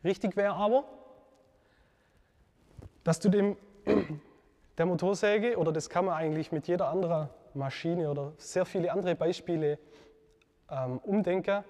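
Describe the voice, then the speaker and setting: A man giving an earnest devotional teaching talk, reflective, pausing with fillers and correcting himself. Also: fairly high pitch, a little mellow, long reverb tail.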